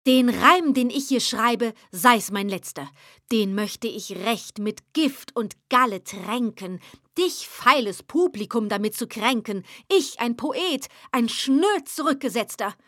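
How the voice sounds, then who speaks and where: An embittered, excitable poet, acted by a woman reciting verse, declaiming loudly with a raised, higher voice. The delivery is heated and theatrical, and the recording is dry and close. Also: takes it slowly, no room sound. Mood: bitter. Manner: loud, declamatory and agitated.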